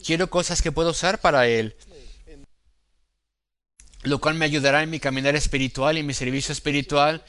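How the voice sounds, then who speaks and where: Smooth-voiced male preacher, slow and deliberate. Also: a little high, steady tone, a bit bright, no echo. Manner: quotes scripture and voices inner temptations. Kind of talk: sermon.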